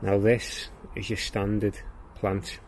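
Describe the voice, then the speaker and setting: A man with a fairly low voice strolls through his walled garden, chatting casually about what is growing. He talks plainly and at an easy pace, pointing things out as he goes. A faint outdoor ambience sits behind him. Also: level tone, darkish tone, a little hiss or hum. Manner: plain-spoken, unhurried, explains as he walks. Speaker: gardening vlogger.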